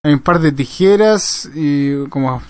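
Excitable foul-mouthed Chilean man gaming. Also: fairly high pitch, unhurried, clean tone, no room sound. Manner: crude, excitable, swears constantly. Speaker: gamer. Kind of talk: let's play commentary.

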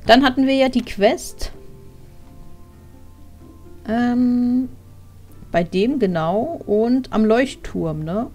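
A woman's voice: a little high, animated, drawn-out words, long pauses, mellow, soft background music. A woman streaming a game, chatting casually and thinking aloud as she plays, speaking into a headset. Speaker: let's play streamer. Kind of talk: casual gameplay commentary.

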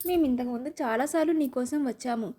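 A woman voicing a warm young friend who speaks in an encouraging, affectionate way, in a storybook reading. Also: sits high, fast, husky.

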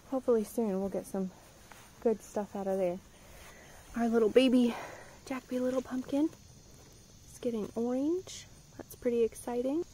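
A woman's voice: medium pitch, mellow, a little hiss or hum, rough recording. A woman giving a casual, rambling tour of her garden outdoors, filming on a handheld phone. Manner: chatty, rambling, with frequent ums. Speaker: gardening vlogger. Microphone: handheld phone camera.

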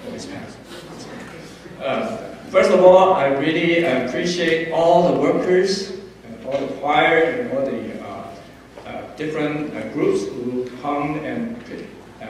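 A man's voice: medium pitch, measured pace. Older man announcing in an echoey hall. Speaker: pastor making church announcements. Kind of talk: informal announcements to a congregation. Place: large church hall. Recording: echoey reverberant hall from far off, faint noise.

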